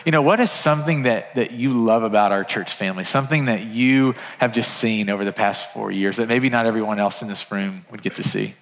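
A man's voice: lowish voice, fairly quick, hardly any pauses. A man speaking as a pastor, giving an informal, conversational announcement to his congregation. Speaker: pastor hosting a church service. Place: large indoor church gathering room. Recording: reverberant hall, amplified speech.

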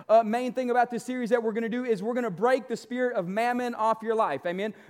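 High-pitched preacher man, exhorting. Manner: exhorting, motivational, seeking amens from listeners; emphatic, repeats key phrases. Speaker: pastor. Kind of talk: church sermon.

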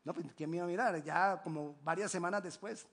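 A pastor preaches a sermon at a quick pace, his delivery full of emphatic exclamations and hushed, low drops. He repeats rhetorical questions again and again.

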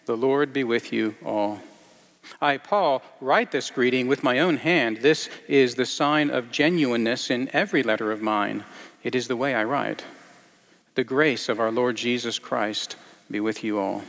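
A man reading scripture and then preaching a sermon in a halting way, with many fillers and restarts. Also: medium pitch, a bit bright, in a large hall. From grew up partly in Iceland.

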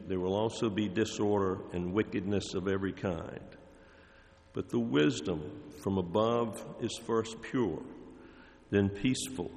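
A man reading scripture formally as a church lector, solemn and deliberate. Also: lowish voice. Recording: echoey hall with long reverb.

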